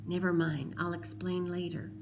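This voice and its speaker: A woman's voice: fairly low pitch, flat delivery, normal speed, vocal fry, noisy background. A woman reading aloud voices a remorseful teenage boy who pleads earnestly. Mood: whispering. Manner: pleading, earnest, then whispering.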